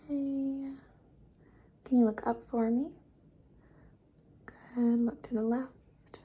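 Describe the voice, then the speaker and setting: A woman in an ASMR role-play as a caring doctor, speaking softly and breathily with gentle reassurance. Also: a little high, slight background noise. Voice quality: breathy, soft. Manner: soft-spoken, gentle, reassuring, soft-spoken. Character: caring, reassuring female doctor giving a check-up. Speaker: ASMR performer playing a doctor.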